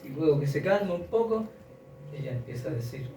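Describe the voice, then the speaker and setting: A man preaching and retelling a story, circling back over his words with halting restarts. He stands well away from the mic, and the room rings with echo. Steady background ambience runs beneath him throughout. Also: fairly high pitch, background noise. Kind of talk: sermon storytelling. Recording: echoey room, distant mic, audible ambience.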